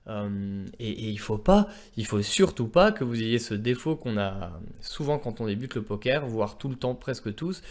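A man explaining poker concepts in a casual two-person lesson, animated and fond of everyday comparisons. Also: medium pitch, normal speed, hardly any pauses. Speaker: poker coach.

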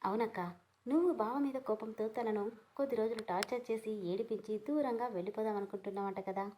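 A woman's voice: fairly high pitch, fairly even intonation, fast talker, dark tone, slight background noise, close to an everyday voice. Woman doing a sly little sister in a storybook reading, coy and needling. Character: young woman, coy scheming younger sister.

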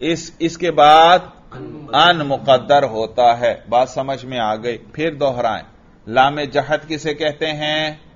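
Male religious teacher, Pakistani Urdu accent, mid pitch, slow measured lecturing with repeated questions and chanted examples; dull lo-fi classroom audio. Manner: repeats questions to the class and answers them, drills.

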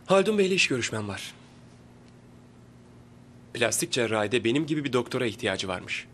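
Brief: a cool, ambitious surgeon with a mid-pitched voice and a self-assured manner. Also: male voice, very animated, moderate pace, a bit bright, slight background noise. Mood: smug. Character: smug, ambitious male surgeon. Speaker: plastic surgeon.

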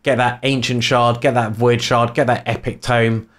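A man's voice: mid-range voice, flat delivery, moderate pace, fairly bright tone. A man talks through a game build in a loose, chatty way. He rambles, fills gaps with ums and you-knows, and restarts his sentences as he goes. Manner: rambling, with many fillers and restarts. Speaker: gaming video creator. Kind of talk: casual game guide commentary.

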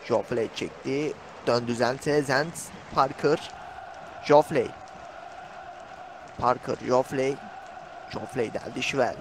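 A man giving fast play-by-play commentary on an online football match, calling out names and rising to shouts at key moments. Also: medium pitch, noisy background. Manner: rapid calling of player names, bursts of shouting.

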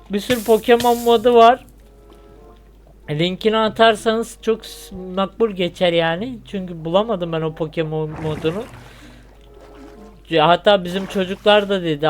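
A young man from Turkey, with a Turkish accent, chatting casually and joking as he plays through a parkour game for his channel. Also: high voice. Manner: chatty, joking, yelps when he falls. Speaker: gaming YouTuber. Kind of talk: casual gameplay commentary.

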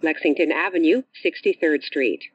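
A man's recorded train announcements, spliced together from separate words, slow and clipped with pitch jumps where the words are joined. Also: breathy edge, no echo. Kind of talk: prerecorded transit announcements. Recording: muffled train speaker recording.

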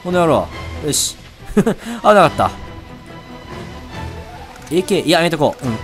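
A man commentating his own gameplay, excitable, yelping and swearing at enemies. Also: on the high side, unhurried. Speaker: let's-play gamer. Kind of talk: live game commentary. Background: game audio and music.

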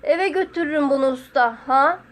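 A woman's voice: sits high, moderate pace, a little hiss or hum, close to an everyday voice. A woman doing Sotiri, a whiny young apprentice. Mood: eager. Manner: pleading, calls out loudly. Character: young male fishing apprentice, eager and whiny.

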